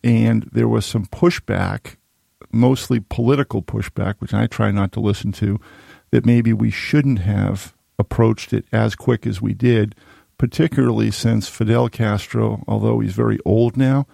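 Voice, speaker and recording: A man's voice: on the low side, fairly even intonation, a little slow, vocal fry, warm tone, no echo, studio quality. A man in his sixties hosting a radio talk show, asking long, rambling questions full of restarts. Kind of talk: radio interview. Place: radio studio. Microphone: studio microphone.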